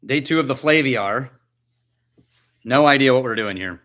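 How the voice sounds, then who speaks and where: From his own chilly house, a whisky channel host with a bright, forward voice runs a relaxed tasting livestream at medium pitch and moderate pace. He chats and jokes with viewers, thinks aloud between sips and answers comments as they arrive.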